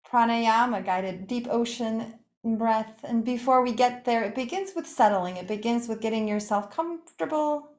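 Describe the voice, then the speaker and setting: A woman guides a yoga nidra meditation in an unhurried, gently inviting manner, pausing between short phrases. Her voice is fairly high, and the recording sounds echoey and roomy.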